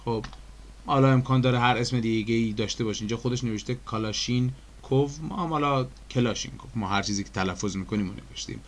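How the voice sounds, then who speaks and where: A man with an Iranian Persian accent giving a chatty screen-recorded animation tutorial, explaining step by step with frequent fillers and questions to his viewers. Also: mid-range voice. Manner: addresses viewers as dear friends.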